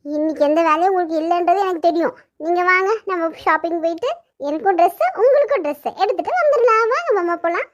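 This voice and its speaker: A woman's voice: very high-pitched, quick pace, no room sound. A woman voicing a clingy young woman in a cartoon who coaxes and pleads in a wheedling way. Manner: wheedling, coaxing. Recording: dull lo-fi sound.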